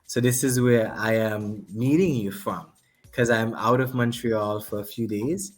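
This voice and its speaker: A man's voice: on the low side, fairly even intonation, a little slow, faint music behind. A man from Saint Kitts with a Kittitian accent, chatting casually as an interview guest in a jovial, repetitive way. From Saint Kitts and Nevis. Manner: jovial, laughs often, repeats short phrases. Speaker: guest, step dance group director.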